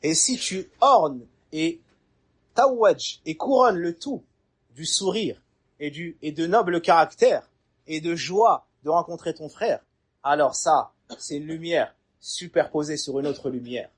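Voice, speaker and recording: Man preaching, husky voice, a bit high, animated, acts out scenes, quizzes the audience. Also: unhurried. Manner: animated, acts out little scenes, asks the crowd questions. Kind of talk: lively sermon to an audience.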